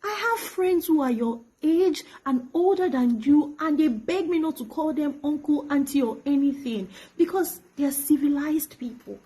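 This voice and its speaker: A woman's voice: high-pitched, moderate pace, few pauses, dark tone. A young woman speaking straight to camera, pleading and indignant, repeating herself and sometimes dropping to a whisper. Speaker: actress. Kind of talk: emotional direct-to-camera address.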